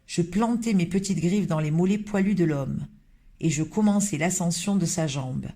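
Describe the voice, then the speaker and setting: Man, high voice, audiobook narration, expressive storytelling. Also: moderate pace. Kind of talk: scripted narration of a children's novel.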